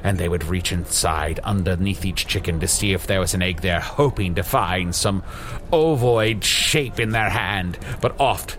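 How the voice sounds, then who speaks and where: A man's voice: low voice, fairly bright tone. Man playing a pompous, theatrical wizard over background noise. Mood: grandiose, mock-solemn. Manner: mock-archaic, grandiose, halting speech. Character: pompous, theatrical old wizard, male, faking his own death. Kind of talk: improvised fantasy comedy acting.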